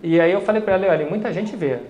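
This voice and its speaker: Brazilian male storyteller, fairly high voice, conversational testimony, echoey room. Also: quick pace, muffled recording, faint music behind. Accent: Brazilian Portuguese. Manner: conversational, animated retelling with quoted dialogue. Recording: roomy echo.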